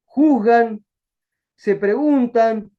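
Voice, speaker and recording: A man with a Rioplatense accent, a pastor giving a colloquial, lively Bible study sermon and acting out bits of dialogue. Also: extremely high pitch, drawn-out words. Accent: Rioplatense Spanish. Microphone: video call. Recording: dull lo-fi video call audio.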